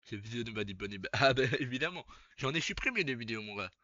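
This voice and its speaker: A young man, chatting casually on a live stream as he reacts, swearing and breaking into loud laughs. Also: mid-range voice, animated, quick pace, lo-fi sound. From Belgium.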